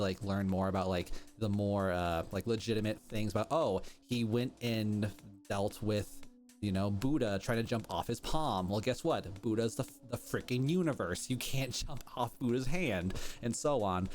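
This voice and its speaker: A man's voice: fairly low pitch, normal speed, a little mellow. A man hosting a podcast in casual interview chat, wordy and effusive. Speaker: podcast host. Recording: music behind the voice. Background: background music.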